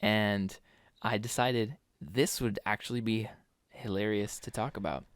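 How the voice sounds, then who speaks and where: A man's voice: on the low side, fairly even intonation, a little slow, no room sound. A man co-hosting a casual podcast, rambling through stories with lots of fillers and frequent laughter. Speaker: podcast co-host.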